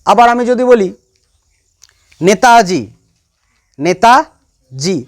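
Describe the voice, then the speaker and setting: High-voiced science teacher lecturing. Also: male voice, animated, normal speed. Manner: repeats key points and quizzes students. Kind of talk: classroom lecture.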